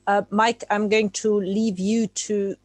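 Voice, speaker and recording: Speaking slowly in a level, mid-range voice, a woman from Czechoslovakia gives an informal talk as a guest on a video call. A native Czech speaker, she is hesitant, full of fillers and restarts, and there's no room sound.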